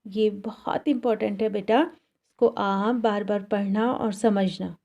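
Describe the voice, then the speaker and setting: A woman's voice: mid-range voice, fairly even intonation, unhurried, gravelly, dark tone. A woman teacher giving a grammar lesson to children, speaking patiently and repeating each word for the pupils. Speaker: school teacher. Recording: dull, lo-fi classroom recording.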